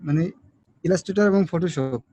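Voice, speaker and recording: A man, a student in a live class, asking a slow, hesitant question. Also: on the high side, warm tone.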